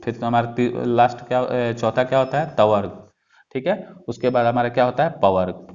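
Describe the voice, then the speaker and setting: A man's voice: medium pitch, a little fast, darkish tone. A man teaching a lesson in a classroom style, asking questions and then answering them himself. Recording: dull lo-fi sound.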